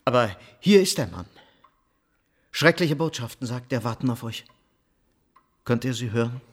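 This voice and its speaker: An actor playing a volatile, scheming younger son in a radio play, with exclamatory, theatrical delivery. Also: male voice, medium pitch, lively intonation, moderate pace, natural voice. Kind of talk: classic radio play acting.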